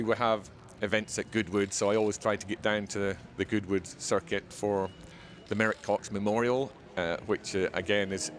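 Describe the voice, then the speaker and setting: Soft-spoken middle-aged man from Scotland. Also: on the low side, a little hiss or hum. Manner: friendly, repeats words while searching for them. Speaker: volunteer guest. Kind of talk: casual interview.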